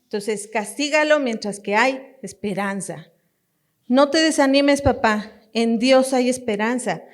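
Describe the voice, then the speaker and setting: A woman pastor preaches to parents with a slightly raised pitch. She talks at a slow, deliberate pace. She repeats her points emphatically and addresses them directly. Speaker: pastor and teacher. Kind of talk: family teaching sermon.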